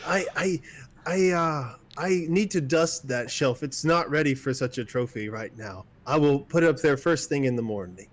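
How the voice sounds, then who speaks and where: A flustered tavern bartender, as a game master puts him on, his voice pitched up and strained. He sounds put out and harried. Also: moderate pace, close to an everyday voice. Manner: exasperated, higher flustered voice. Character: flustered middle-aged male tavern bartender.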